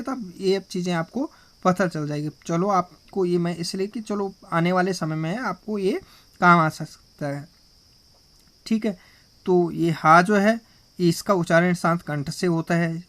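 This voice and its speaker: A man's voice: high voice, a bit bright. A man teaching Hindi grammar in a classroom style. He asks himself questions, answers them, and keeps checking in with his listeners. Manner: slow, repetitive spelling-out of sounds.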